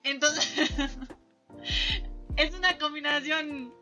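A young woman with a Mexican accent, co-hosting a casual chat podcast, bubbly and quick to laugh. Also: sits high, sharp tone, soft background music. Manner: bubbly, laughs often, slangy filler "o sea". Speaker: podcast co-host.

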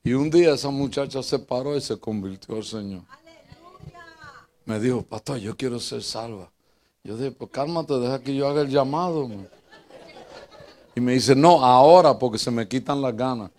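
An older male pastor with a Puerto Rican accent preaches in a lively, joking way. His voice sits at an ordinary middle pitch, rising into loud bursts and dropping into low asides as he tells stories from his church. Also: moderate pace, pauses often, a faint crowd, slight background noise. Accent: Puerto Rican Spanish. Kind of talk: humorous preaching with personal stories.

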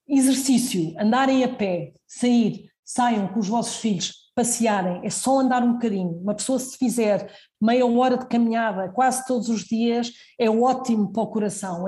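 A woman's voice: on the high side, dark tone. A woman doctor with a European Portuguese accent giving earnest advice in an interview, often restarting her sentences. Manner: earnest, advising, many restarts. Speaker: doctor guest. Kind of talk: casual interview answers.

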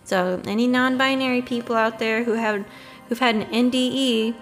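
A woman's voice: on the high side, fairly even intonation, normal speed, soft background music. A woman co-hosting a casual podcast discussion, thoughtful and musing, often murmuring agreement. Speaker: podcast co-host.

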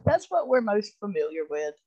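Animated swearing woman telling stories. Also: mid-range voice, a little slow, no echo. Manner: animated storyteller, swears freely, acts out quotes. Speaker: podcast co-host. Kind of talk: casual chat.

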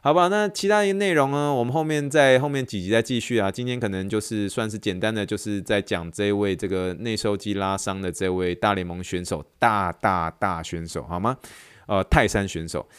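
Fast-talking man, lowish voice. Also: smooth, dry recording, studio quality. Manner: chatty, laughing, self-correcting. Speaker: podcast host, physical therapy intern. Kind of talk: casual storytelling monologue.

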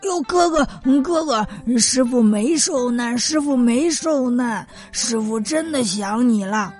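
A woman's voice: fairly high pitch, animated, slow pace, darkish tone, soft background music. A woman voicing a clumsy, cowardly male pig disciple, whining and begging with stammered fillers, in a children's story. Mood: whiny pleading.

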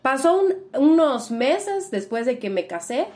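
A young Mexican woman with a Mexican accent, a guest in a casual interview, telling her story in an animated, reflective way and leaning on fillers. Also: sits high, a little slow.

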